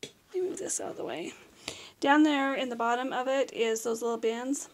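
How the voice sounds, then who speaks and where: A middle-aged American woman with a hoarse, raspy voice that is giving out into whispery patches, chatting casually and informally as she gives a tour. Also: high-pitched, moderate pace, a little hiss or hum. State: hoarse, losing her voice. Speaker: vlog host. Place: small room at home, indoors.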